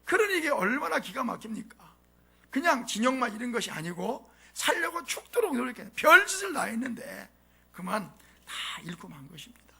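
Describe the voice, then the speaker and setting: A man preaching a sermon as pastor, animated and often asking the congregation questions. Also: very high-pitched, fairly quick, gravelly, breathy edge. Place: church sanctuary.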